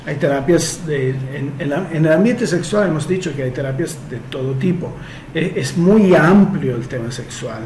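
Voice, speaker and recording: Answering listener questions, this advice host reads a letter aloud and then explains his response, illustrating with homely comparisons. He is a man whose first language is Italian, with a slightly high, slightly mellow voice. The room is echoey, with faint background noise.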